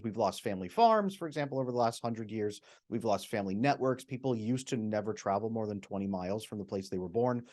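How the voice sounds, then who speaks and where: Appearing on a podcast, this retired American psychotherapist explains things at length in a lively interview style. When quoting others he impersonates them, with abrupt rises in pitch.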